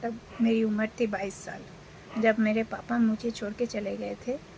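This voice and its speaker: Female vlogger, 40s, from India, unwell; relaxed rambling delivery with fillers over faint room noise. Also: fairly high pitch, normal speed, poor audio. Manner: rambling, with many fillers and restarts. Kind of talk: casual talk to camera.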